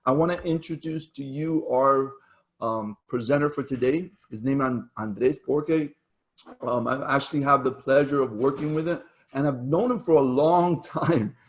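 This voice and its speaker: A man's voice: mid-range voice, normal speed. A man hosting a casual online meetup over a video call. He talks in a chatty, rambling way, full of fillers and restarts. His voice is wearing thin from talking all day. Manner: chatty, with fillers and self-corrections. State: losing his voice. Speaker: meetup host.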